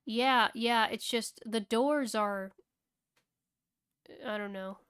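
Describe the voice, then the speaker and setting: A woman's voice: fairly high pitch, slow, fairly bright tone, clean tone. A woman streamer chatting casually while playing a game, thinking aloud and answering chat. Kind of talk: casual gameplay commentary. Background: game music.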